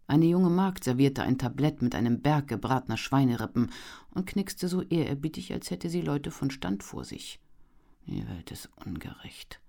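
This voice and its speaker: A narrator reading a historical novel aloud in measured, expressive audiobook narration. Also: medium pitch, gravelly.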